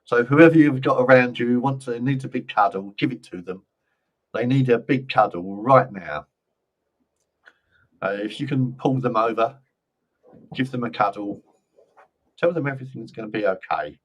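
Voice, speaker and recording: A man doing live psychic card readings in a gentle, reassuring and jokey way. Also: mid-range voice, moderate pace, long pauses, muffled recording. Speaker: psychic reader.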